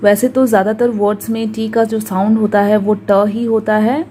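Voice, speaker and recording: A woman with a Hindi accent teaching English pronunciation in a video lesson, talking slowly and carefully, repeating words for drilling. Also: medium pitch, level tone, warm tone, a little hiss or hum, low-quality recording.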